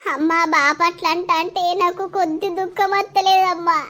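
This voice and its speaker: A woman's voice: extremely high pitch, steady tone, moderate pace, pushed and bright. A woman voicing a heartbroken young wife abandoned by her husband, lamenting in a Telangana accent in a village cartoon drama. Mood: grieving. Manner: lamenting, plaintive.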